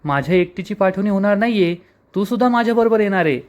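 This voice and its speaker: A man's voice: high-pitched, lively intonation, fast talker, voice pushed up. Male narrator reading a young bride, worried and devoted, in a light, lifted voice. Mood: pleading. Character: young woman bride, anxious and loving.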